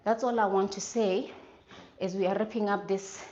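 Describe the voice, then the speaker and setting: A woman's voice: medium pitch, fairly even intonation, normal speed, darkish tone, dull audio, a little hiss or hum. A woman leading a workout as a fitness instructor, giving encouraging coaching and instructions. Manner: encouraging, urging with clipped repeated commands during exercise. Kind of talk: workout coaching, instructions and short motivational cues.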